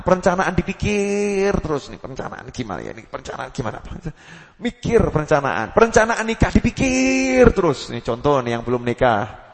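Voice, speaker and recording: A man giving a sermon to a gathering, lively, acting out quotes and chanting dhikr phrases. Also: sits high, creaky. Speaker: preacher. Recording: long hall reverb.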